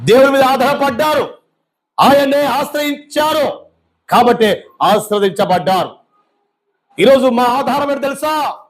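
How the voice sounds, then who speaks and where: A man's voice: very high-pitched, expressive, unhurried, pauses often. A male pastor preaching a fervent sermon, firing off rhetorical questions at his congregation.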